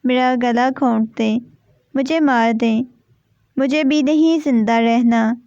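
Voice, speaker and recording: A woman's voice: on the high side, fairly even intonation, a little mellow, dry recording, natural voice. A woman voicing a frightened, tearful young wife in a storybook reading. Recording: dull, dry lo-fi recording.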